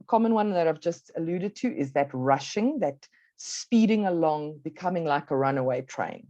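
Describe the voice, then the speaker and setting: A South African woman giving a workshop presentation, measured and instructive, stressing key words clearly. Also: sits low, warm tone, dry recording, muffled recording.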